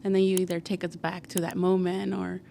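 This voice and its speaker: A woman's voice: fairly low pitch, flat delivery, fairly quick, vocal fry, mellow, a little hiss or hum. A woman in her forties from Guatemala, a podcast guest telling her story in a chatty way full of fillers. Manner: chatty, many fillers like "like" and "you know". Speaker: guest, cleaning company founder. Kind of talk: casual podcast interview.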